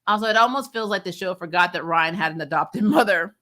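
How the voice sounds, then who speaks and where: Speaking fairly quickly in a fairly low voice, a woman runs a fan recap show. She offers casual TV opinions in a blunt, profane style, animatedly mock-quoting as she goes.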